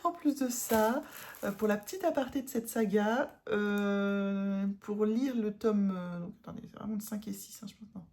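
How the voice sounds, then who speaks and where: A tired woman with a northern French accent chats through her cross-stitch haul in a loose, rambling way, full of fillers and restarts. Her voice is gravelly, with a dark, mellow tone. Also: medium pitch, normal speed. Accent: northern French, Ch'ti. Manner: chatty, rambling with many fillers and self-corrections. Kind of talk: casual haul chat.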